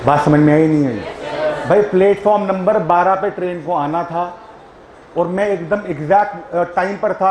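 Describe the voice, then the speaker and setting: A man's voice: high voice, darkish tone, echoey room, a little hiss or hum, poor audio. A male teacher giving a classroom grammar lecture, who keeps checking whether his students follow and coaxes them along.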